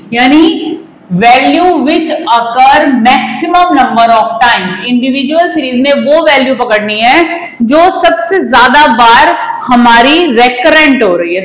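A commerce teacher in her forties stands at a whiteboard explaining a maths lesson, politely addressing her students and slipping in English phrases. Her voice is fairly high and fairly bright. She wears a lapel mic, and the classroom sounds echoey.

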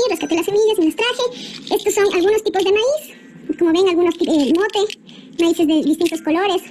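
A woman's voice run through fast-forward playback, so it comes out very high and squeaky like a chipmunk, with faint music underneath. She is a young woman from Ecuador, casually naming things one by one with small fillers. The recording is a homemade video narration. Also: darkish tone. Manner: chatty and informal, listing items one by one with small fillers. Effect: sped-up playback that raises the voice to a squeaky, chipmunk-like pitch. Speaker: workshop presenter.

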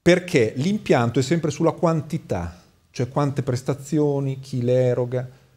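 A man's voice: mid-range voice, a little slow, warm tone. A man speaking as a doctor and studio guest on a talk show, critical and hesitant, with many fillers.

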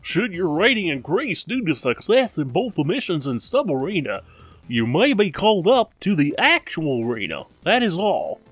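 A man's voice: on the high side, big pitch swings, moderate pace, slightly rough, no echo. A man putting on a stiff, courteous voice as a formal company representative reading out a letter.

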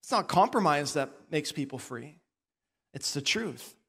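A man's voice: on the high side, animated, unhurried, fairly bright tone, breathy edge, long reverb tail. A male pastor preaching a sermon, with impassioned emphasis that rises and builds. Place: church sanctuary.

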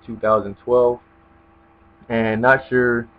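A man's voice: medium pitch, level tone, takes it slowly. A young man giving casual gameplay commentary in a rambling, hesitant, laid-back way. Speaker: gamer commentator. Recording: dull lo-fi mic with loud noise.

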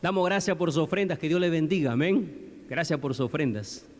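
Pastor guy preaching, slightly high voice, keeps asking the crowd stuff, big church hall reverb. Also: a little fast. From Peru. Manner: conversational preaching, asks the congregation questions. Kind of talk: sermon.

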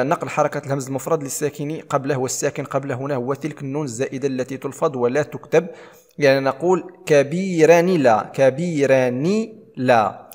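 A man teaching a tajweed lesson, explaining rules and then reciting verses slowly with long drawn-out vowels. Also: mid-range voice, big-room sound.

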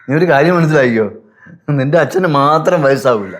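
Guy playing a firm sensible uncle, talks fast, scolding then calming folks down. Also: mid-range voice, natural voice. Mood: reassuring. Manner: scolding, reasoning. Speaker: maternal uncle. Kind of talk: sitcom acting.

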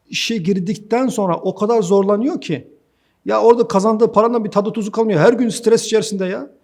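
A man with a fairly high voice talks straight to his viewers, calling them friends. He is an IT course instructor, animated and a bit preachy, and he fires off rhetorical questions in a loose, chatty way. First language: Turkish. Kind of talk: direct-to-camera advice talk.

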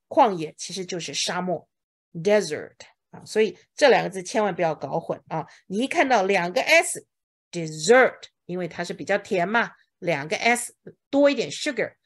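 A woman teaching English words to a class, asking questions, drilling each word slowly and saying OK a lot. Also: fairly low pitch, lively intonation. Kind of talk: bilingual vocabulary lesson to a class.

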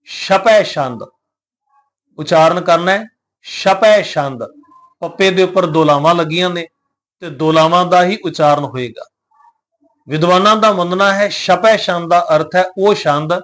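Punjabi guy teaching scripture recitation, kinda high voice, slow careful delivery. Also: fairly bright tone. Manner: measured, draws out recited verses slowly. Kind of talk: slow instructional recitation lesson.

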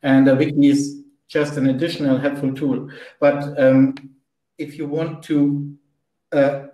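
A man with a German accent speaking as a panelist in a conference discussion over a video call, halting and searching for words. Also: a little high, flat delivery, warm tone. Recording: roomy, distant video call audio.

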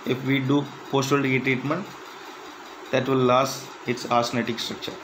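Guy reading out q and a, steady kinda halting delivery, noisy recording. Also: medium pitch. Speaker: instructor. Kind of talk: reading out quiz questions and answers.

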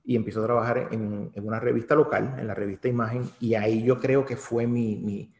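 A man's voice: lowish voice, steady tone, fairly quick, creaky, a little mellow. A Puerto Rican man in his forties, a photographer being interviewed, speaking reflectively with many restarts and repeated words. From Puerto Rico. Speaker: photographer guest. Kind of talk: casual interview. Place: small studio room. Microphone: desk mic. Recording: echoey room with long reverb.

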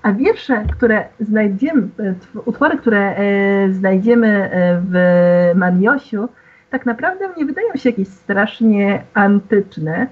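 A woman's voice: medium pitch, animated, slow pace, husky. A woman giving an online lecture, explaining patiently to her listeners and hesitating often with fillers. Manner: explains to the audience formally. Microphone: video call. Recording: tinny phone-like online call audio.

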